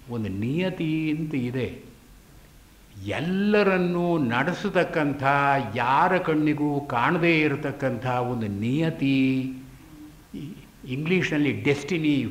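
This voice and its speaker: A man lecturing on an old epic, chanting Sanskrit verses and then explaining them in a slow, deliberate way. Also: mid-range voice, reverberant, slight background noise.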